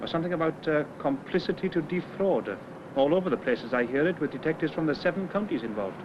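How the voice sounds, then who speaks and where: An actor playing a good-humoured, deferential police subordinate in a 1970s television drama, respectful and wry with some hesitancy. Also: male voice, a little high, expressive, fast, natural voice. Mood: respectful, informative. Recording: muffled, noisy 1970s television location sound.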